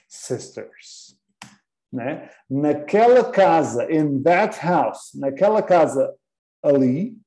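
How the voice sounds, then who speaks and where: A man's voice: mid-range voice, warm tone, roomy sound, low-quality recording. A man teaching an English class live, patiently repeating words and quizzing his students.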